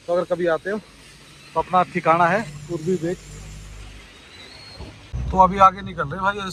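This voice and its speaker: A man talks to his viewers from a car stuck in traffic, in a chatty, worried way. His voice sits fairly high. Faint car and road noise runs underneath. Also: bright, forceful tone, rough recording. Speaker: travel vlogger. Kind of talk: casual driving vlog commentary. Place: inside a car in traffic, outdoors around.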